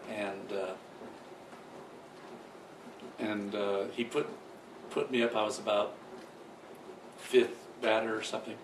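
An older man reminisces about his past in a loose, rambling way, often restarting his sentences and chuckling, and he gets louder on the funny bits. He sounds far from the microphone in an echoey room, with steady background noise. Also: medium pitch, gravelly. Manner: gets loud and lively on funny parts. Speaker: father telling his life stories. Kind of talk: casual reminiscing storytelling.

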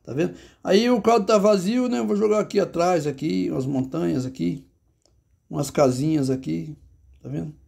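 A man's voice: on the high side, normal speed, gravelly, darkish tone, husky. A man with a Brazilian Portuguese accent gives a casual, chatty drawing lesson. He talks to himself as he draws and records on a handheld phone. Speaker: drawing teacher.

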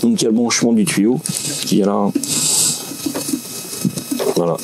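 A man in his forties talks through an unboxing in a small indoor workshop office, halting often to search for words. His voice sits low. The camera mic catches noticeable background noise. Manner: relaxed, hesitant with many fillers. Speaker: vlogger. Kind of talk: casual unboxing demo.

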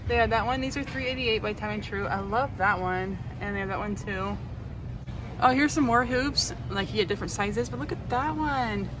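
A woman vlogging as she walks a large store, chattily listing prices and getting excited over new finds. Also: on the high side, noisy background. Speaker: shopping vlogger. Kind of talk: casual shop-with-me narration. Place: large retail store, indoors.

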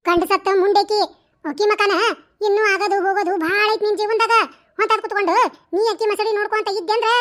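A spiteful, scheming village mother for a cartoon, who sneers and scolds in a North Karnataka Kannada accent. Her voice sits very high. Soft music plays underneath. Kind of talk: cartoon voice acting.

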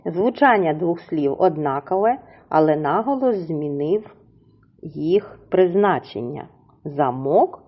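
Slow, lively-voiced woman teacher. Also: fairly low pitch, husky, muffled recording. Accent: Ukrainian. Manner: slow, deliberate syllable-by-syllable explaining. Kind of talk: children's lesson.

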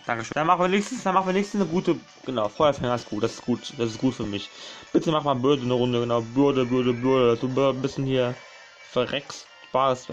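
A young man commentating his gameplay casually, excitable, swearing and pleading with the game while addressing his viewers as friends. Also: mid-range voice, muffled recording. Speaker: gaming channel host.

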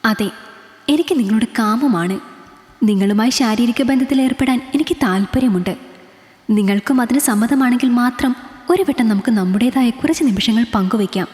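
A woman voicing a blunt, calm adult man who speaks earnestly and directly. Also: a little high, brisk, lightly acted. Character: bold adult man, blunt stranger on the roadside. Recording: echoey roomy reverb.

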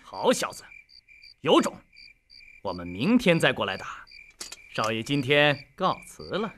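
A smug young rich bully taunts in a bright, sharp voice that swings wildly in pitch. Faint noise and clicks sit under the film sound. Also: male voice, huge pitch swings, measured pace. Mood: mocking. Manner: mocking and taunting. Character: arrogant, sneering rich young master and bully. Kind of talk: dubbed martial-arts film acting.

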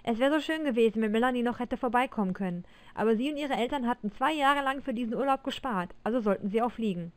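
A woman reading a first-person story aloud in an expressive, measured way. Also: on the high side, no room sound. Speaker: reader of her own story.

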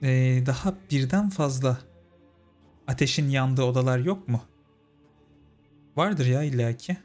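A man's voice: medium pitch, unhurried, darkish tone, soft background music. A young man giving casual let's-play commentary, chatting with his viewers as friends. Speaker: gaming channel host.

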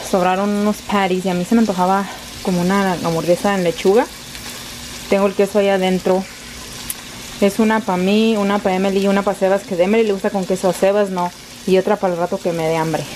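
A woman's voice: medium pitch, a little hiss or hum. Thirties woman, Mexican accent, chatty home vlogger, laughs a lot, slips in English. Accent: Mexican Spanish. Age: 30s. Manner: chatty, mixes English phrases, laughs often. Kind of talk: casual vlog chat. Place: home kitchen while cooking.

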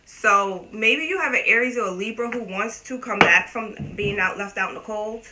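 A woman's voice: medium pitch, moderate pace. A woman giving a casual tarot reading to her viewers, chatty and emphatic, swearing freely. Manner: talks to viewers as "you guys". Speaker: tarot reader. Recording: steady background noise.

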